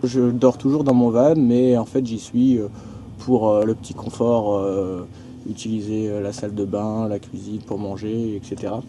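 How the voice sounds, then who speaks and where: A man's voice: lowish voice, flat delivery, normal speed, warm tone, slight background noise. A young man from France narrating a casual vlog tour of a house and garden, hesitant, with many fillers and restarts. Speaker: travel vlogger.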